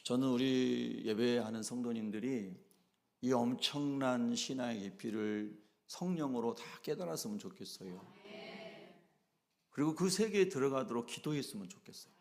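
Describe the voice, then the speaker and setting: A man's voice: mid-range voice, moderate pace, gravelly. A male pastor preaching a sermon emphatically, often asking the congregation questions.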